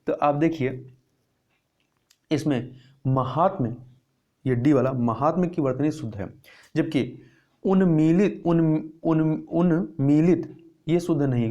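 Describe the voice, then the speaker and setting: A man's voice: mid-range voice, darkish tone, highs cut off. A man teaching Hindi grammar, going through test answers and repeating words to stress the correct spelling.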